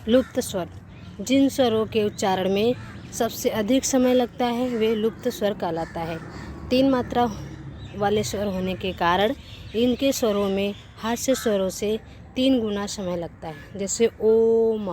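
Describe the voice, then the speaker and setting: A woman's voice: medium pitch, unhurried, warm tone, slight background noise. A woman teaching a grammar lesson, sounding out letters one by one and restarting her sentences as she goes. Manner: repeats and corrects herself mid-sentence.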